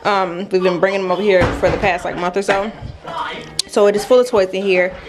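Over music, a young adult woman with a medium-pitched, fairly even voice briskly narrates a house tour for her vlog, addressing viewers informally as she moves through rooms under renovation. The indoor recording from a nearby camera has clear background noise and clicks.

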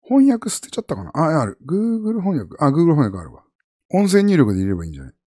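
A man from Japan chatting casually with his viewers as a streamer, rambling and jumping from topic to topic. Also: quick pace. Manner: rambling, animated, jumps between high and low pitch.

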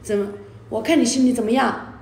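A woman's voice: fairly high pitch, steady tone, brisk, gravelly, darkish tone. A woman livestreaming at night, arguing indignantly, scolding and repeating herself. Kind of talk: heated argument on a livestream. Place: indoor room at night. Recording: echoey room.

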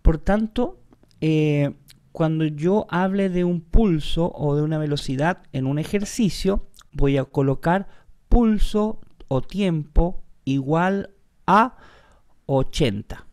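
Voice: mid-range voice, slow, a little mellow. A music teacher explaining rhythm patiently to an online class and calling on students by name.

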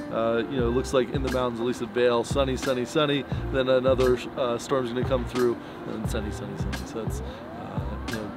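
A man in his thirties talking casually to camera outdoors in the snow, giving a fishing report with many fillers and restarts. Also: mid-range voice. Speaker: fly shop owner giving a fishing report. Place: outdoors by pickup trucks in snow. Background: music bed under the talk.

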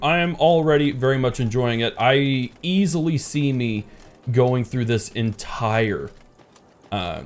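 A man's voice: mid-range voice, darkish tone. A man in his thirties hosting a casual let's play, thinking aloud in an easygoing way. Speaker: gaming channel host. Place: indoor room.

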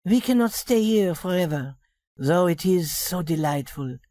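A woman voicing a young working woman who poses as a rich lady in a storybook reading, speaking softly and politely. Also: on the low side, expressive, unhurried, no room sound, studio quality. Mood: refined. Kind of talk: storybook reading for English learners.

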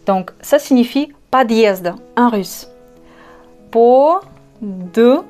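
Russian-accented woman teacher, higher voice, unhurried, spells and repeats words, soft music under her. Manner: slow and patient, spells out letters and repeats each word. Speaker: language teacher. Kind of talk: online language lesson.

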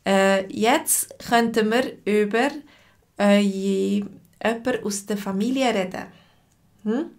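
Swiss woman teacher, mid-pitch, talks very slowly and patiently, webcam at home. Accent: Swiss German. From Switzerland. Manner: slow, patient, repeats phrases and answers chat viewers by name. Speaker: language teacher. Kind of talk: live-stream language lesson.

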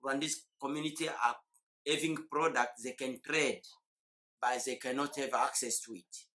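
With a mid-range, steady, bright voice and a forceful tone, this man talks at normal speed. He's in his forties, from eastern Congo, and gives long, thoughtful explanations with hesitant fillers in an oral history interview recorded indoors on a lapel mic.

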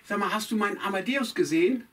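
A man voicing Hannes, an eager, excitable young farm-boy puppet with a high, fussy voice in a puppet show. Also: fast talker. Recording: distant mic, faint guitar music.

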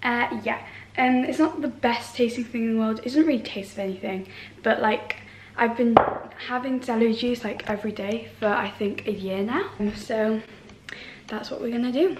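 A teenage girl chatting casually in a vlog, her voice croaky in the morning, with lots of likes and ums. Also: a little high, moderate pace, reverberant, heavy background noise. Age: teens. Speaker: vlogger.

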